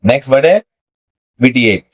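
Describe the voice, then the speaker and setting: A man's voice: mid-range voice, lively intonation, normal speed, crowd noise, poor audio. A young man teaching a casual vocabulary lesson, quizzing and teasing his student in a playful way.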